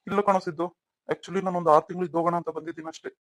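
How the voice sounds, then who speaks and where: A man's voice: high-pitched, fairly even intonation, very fast, very noisy, close to an everyday voice. A man voicing a caring elder brother. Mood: calm. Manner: concerned, soothing. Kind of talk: cartoon story voice acting.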